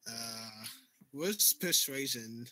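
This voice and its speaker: A man's voice: mid-range voice, expressive, drawn-out words, bright, forceful tone, no echo. A man playing a tabletop game over voice chat, speaking hesitantly and often stammering. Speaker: player.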